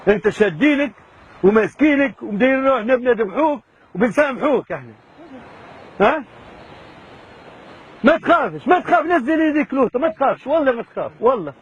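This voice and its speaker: Fast-talking prankster with a very high voice. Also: male voice, expressive, slightly rough, highs cut off. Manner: repeats reassurances. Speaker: hidden camera prankster. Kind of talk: coaxing, then apologetic.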